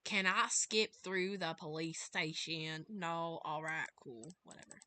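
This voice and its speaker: A woman streamer reads a visual novel aloud on a livestream, narrating dramatically and breaking off into playful asides. Her voice is low and sharp in tone, a little slow, with slight background noise and prominent music featuring plucked guitar.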